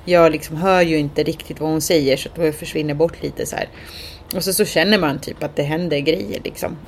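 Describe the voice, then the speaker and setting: Chatty woman with a low voice. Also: steady tone, slight background noise. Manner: chatty, many fillers, acts out quotes. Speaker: guest telling her experience. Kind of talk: casual chat.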